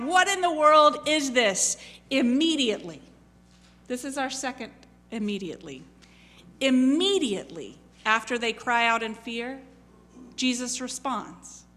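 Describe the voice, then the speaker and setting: A woman's voice: a little high, a bit bright. A woman pastor preaching a reflective sermon, asking many questions and acting out the quoted lines. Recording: long reverb of a large hall.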